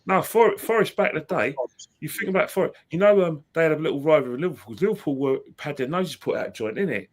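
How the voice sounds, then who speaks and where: A man chatting casually about old football days, excitable and repeating himself as he gets going. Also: on the high side, fast.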